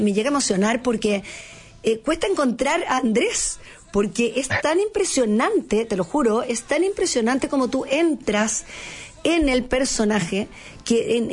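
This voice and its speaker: A Chilean woman hosting a TV talk show conducts an enthusiastic interview in fairly neutral Chilean Spanish, gushing and effusive and often repeating her words. Her voice is fairly high-pitched, a little mellow, with a breathy edge.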